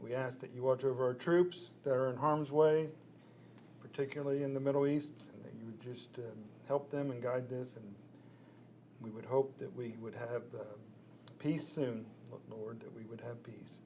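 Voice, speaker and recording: A man's voice: medium pitch, fairly even intonation, normal speed, a little mellow. A man addressing a public government meeting as its chair, in plain formal phrases. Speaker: county commissioner chairing meeting. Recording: noisy public meeting room recording.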